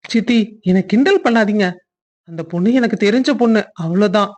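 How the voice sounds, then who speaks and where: A woman voicing a kind young man in a cartoon love story who speaks earnestly and reassures gently. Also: mid-range voice, expressive, brisk, natural voice.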